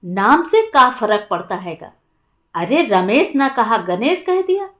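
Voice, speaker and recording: A woman voicing a stern, old-fashioned village mother-in-law who scolds in rustic speech, with a slow, higher voice. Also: sing-song, fairly bright tone, full character voice. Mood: bossy. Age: older.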